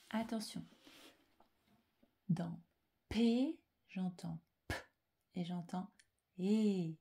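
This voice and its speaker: With a husky, mid-range voice touched by vocal fry, a woman calmly dictates spelling to young children. She goes slowly and deliberately, repeats each syllable, and often drops to a whisper.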